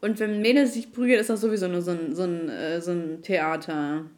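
A woman's voice: lowish voice, steady tone, brisk, a little mellow. Slangy young-sounding woman telling club stories. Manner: retells arguments with lots of fillers and acted quotes; colloquial youth slang. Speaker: storyteller in casual chat. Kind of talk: casual chat.

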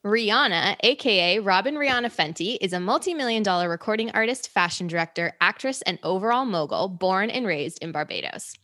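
A woman's voice: mid-range voice, lively intonation, a little fast, hardly any pauses, pushed and bright, no room sound, studio quality. A woman hosting a casual music podcast over cocktails, bubbly and enthusiastic. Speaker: podcast host. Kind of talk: casual chat over drinks.

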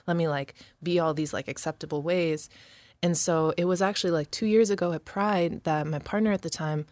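A woman's voice: fairly low pitch, steady tone, fairly quick, darkish tone, no echo. A woman guest from Rochester, New York, and Samoa, chatting casually and using slang. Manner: chatty, uses slang like hella. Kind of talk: casual interview.

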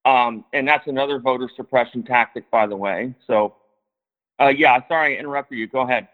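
The caller has a medium-pitched voice and a brisk delivery, coming through on a choppy phone connection. He chats casually, wandering and hedging, with a swear word here and there.

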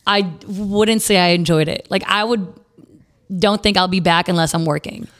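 A woman's voice: fairly low pitch, steady tone, normal speed, fairly bright tone. A young adult woman from Los Angeles, a guest DJ chatting casually on a podcast, loose and profane with lots of "like" fillers. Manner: chatty, swears freely, many "like" fillers.

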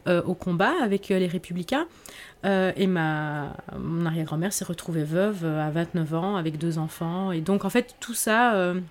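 A woman author, speaking in a podcast interview in a reflective way and often pausing on fillers. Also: lowish voice, slight background noise. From Belgium. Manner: reflective, hesitant with frequent fillers. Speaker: author guest.

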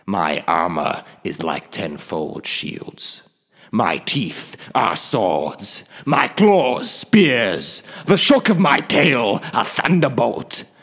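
A man voicing an ancient, huge, boastful male dragon in an audiobook reading, slow and grandiose, swelling to sudden booming lines. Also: animated, fairly bright tone, breathy edge, long reverb tail, full character voice.

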